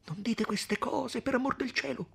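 A fretful older mother from a storybook reading, anxious and scolding, as a man puts her on, with a husky, gravelly voice lifted high. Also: moderate pace, fairly bright tone, heavily acted.

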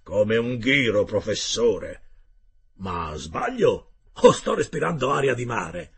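A man voicing a blunt, hungry male harpooner who talks loudly, slowly and emphatically. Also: lowish voice, sing-song, slightly rough, full character voice. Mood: gruff. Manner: loud, slow and emphatic.

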